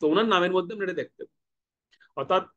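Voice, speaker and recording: High-voiced man giving a devotional sermon. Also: very fast, fairly bright tone, dull audio. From Bangladesh. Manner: explanatory, asks rhetorical questions and has listeners repeat words. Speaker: preacher.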